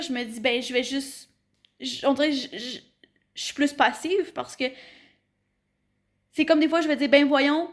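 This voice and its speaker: A young woman with a Québécois accent, a student teacher telling classroom anecdotes casually and animatedly. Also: high-pitched. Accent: Québécois French. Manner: animated anecdotes, acts out quoted remarks. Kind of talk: casual storytelling chat.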